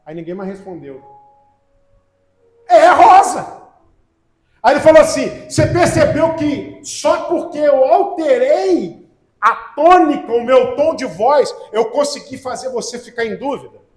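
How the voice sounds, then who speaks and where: A man's voice: extremely high pitch, expressive, moderate pace. A man with a Brazilian accent preaching a sermon, telling stories and acting out the voices in them with growing emphasis. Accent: Brazilian Portuguese. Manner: storytelling, acts out quoted voices with rising emphasis. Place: church hall. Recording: echoey church hall.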